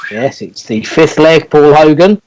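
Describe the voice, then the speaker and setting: A man's voice: a little high, measured pace, a little mellow, rough recording. A middle-aged man working as referee and score caller in a darts match, announcing legs and required scores. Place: indoors on a video call.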